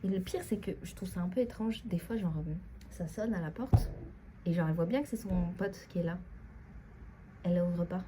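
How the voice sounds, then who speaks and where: A woman's voice: lowish voice, normal speed, background noise. A young woman vlogger telling a casual, rambling story with many fillers, sometimes dropping to a whisper. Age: young adult. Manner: chatty, rambling, frequent fillers and asides.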